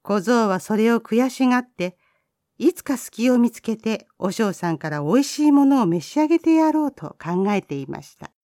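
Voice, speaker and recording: A woman reads a children's folk tale aloud with a gentle, lively lilt. Her voice rises and falls a lot, and it is recorded close and dry. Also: fairly high pitch, normal speed, dry recording. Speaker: storyteller.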